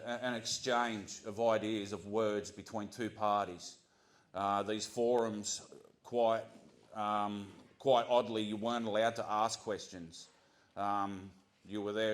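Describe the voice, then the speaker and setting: An Australian man giving an earnest prepared speech to a community gathering, often pausing with ums and restarting his sentences. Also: fairly low pitch, little pitch movement. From Central Coast of New South Wales, Australia. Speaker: community speaker.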